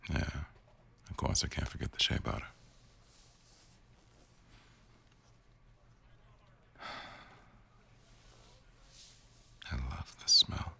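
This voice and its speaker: In an intimate boyfriend ASMR roleplay, a man plays an attentive, tender boss, murmuring slowly to an employee. His voice is very deep and gravelly, with a sharp tone.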